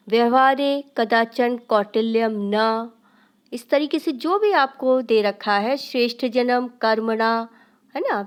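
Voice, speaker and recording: A woman teacher going through a Sanskrit grammar lesson step by step, asking questions and answering them herself. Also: a little high. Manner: explains step by step, asks and answers her own questions.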